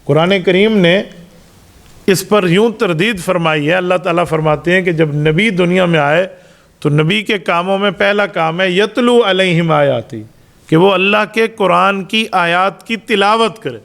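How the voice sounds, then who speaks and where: Male mufti, middle-aged, high voice, emphatic storytelling Quran lesson. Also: gravelly, a bit bright. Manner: storytelling, acts out quoted dialogue; explanatory, emphatic. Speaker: mufti, Islamic preacher. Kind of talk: Ramadan Quran lesson sermon.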